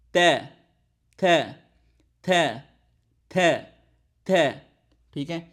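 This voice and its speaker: A man with a somewhat higher voice gives a recorded language lesson. He goes slowly and patiently, sounding out each letter several times and pausing often to check that the listener is following. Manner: slowly demonstrates sounds, repeating them aloud. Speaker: Arabic teacher.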